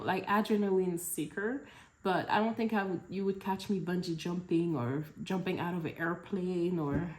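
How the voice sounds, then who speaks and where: Chatty woman from Cameroon, echoey room. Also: lowish voice. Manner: relaxed, chatty, laughs between answers. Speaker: vlogger. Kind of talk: casual Q&A vlog.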